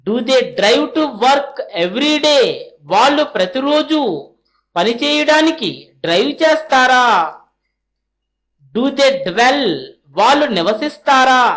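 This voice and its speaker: Woman language teacher, high voice, painfully slow drill delivery. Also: fairly bright tone. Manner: slow, deliberately spaced English phrases, each followed by a translation. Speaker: spoken English teacher.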